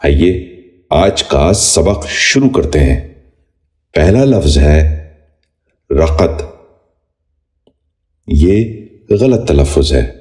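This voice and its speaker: Man, very deep voice, mellow dark tone, scripted lesson narration, measured repetitive drilling, formal and polite. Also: lively intonation. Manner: slow, measured drill, repeating each word; formal, polite address to viewers and children. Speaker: Urdu pronunciation teacher.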